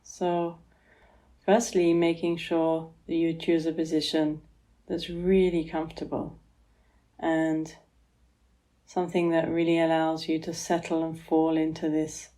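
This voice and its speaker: A yoga therapist leads a relaxation meditation, her deep voice gentle and soothing but monotone, with long pauses between phrases.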